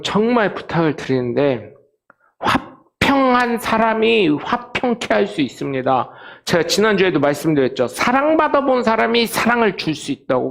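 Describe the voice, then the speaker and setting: Animated gravelly-voiced male pastor preaching. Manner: animated, swinging from loud acted quotes to low asides; colloquial, joking storytelling. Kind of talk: sermon. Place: church sanctuary.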